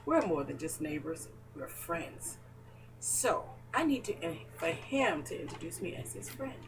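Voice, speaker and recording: A woman's voice: lowish voice, sing-song, measured pace, recorded from a distance, noisy background. Chatty woman heard from off-mic. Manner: chatty, playful teasing. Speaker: interviewer, neighbor. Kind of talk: casual home interview. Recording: voice from away from the mic.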